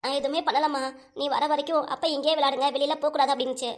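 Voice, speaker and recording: A woman's voice: high-pitched, fairly even intonation, racing, close to an everyday voice. A woman with a Tirunelveli Tamil accent voicing a cheeky little granddaughter who whines and talks back in a cartoon. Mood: whiny. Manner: whiny, talking back.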